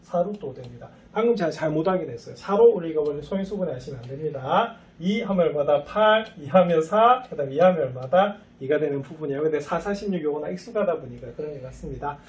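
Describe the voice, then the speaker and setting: A man teaching a high school math lesson who keeps asking and answering his own questions as he works through each step. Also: expressive, fast talker, hardly any pauses, recorded from a distance, a little hiss or hum. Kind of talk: recorded math lecture.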